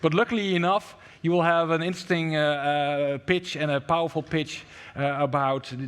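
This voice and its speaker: A male event moderator introducing speakers in a hesitant way, with many fillers. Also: medium pitch. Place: conference venue. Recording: long hall reverb.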